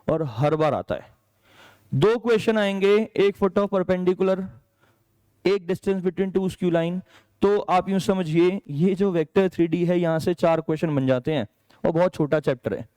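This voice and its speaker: A man's voice: fairly high pitch, moderate pace, mellow, smooth. A male maths teacher from India giving an exam strategy lesson, chatty, checking in with students as he goes and mixing English subject terms into Hindi. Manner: chatty, checks in with "ठीक है", calls students "बेटा".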